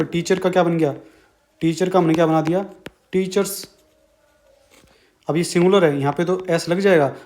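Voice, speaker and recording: A man's voice: on the high side, darkish tone. A man with an Indian accent teaching an exam-prep grammar lesson, explaining step by step and asking and answering his own questions.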